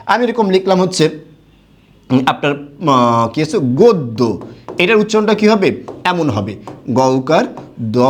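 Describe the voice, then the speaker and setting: Young guy teaching a grammar class, high voice that jumps all over, keeps quizzing then answering himself. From Bangladesh. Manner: explains by asking the viewer questions and answering them himself. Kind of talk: recorded classroom lesson.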